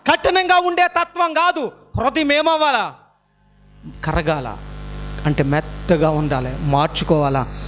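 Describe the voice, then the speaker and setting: A man's voice: sits high, fairly bright tone, a little hiss or hum. A man preaching a sermon as pastor, firing rhetorical questions at the congregation and repeating his key phrases for emphasis.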